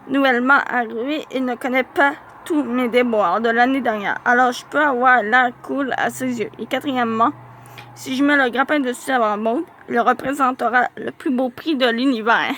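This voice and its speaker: High-voiced woman reading a story aloud. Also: slight background noise. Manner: lively, expressive storytelling with small slips. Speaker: reader of a youth novel. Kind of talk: reading a diary-style novel aloud.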